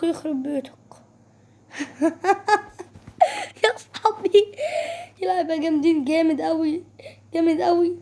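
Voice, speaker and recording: High-voiced Egyptian woman gamer. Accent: Egyptian Arabic. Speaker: gaming YouTuber. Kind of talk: excited gameplay commentary.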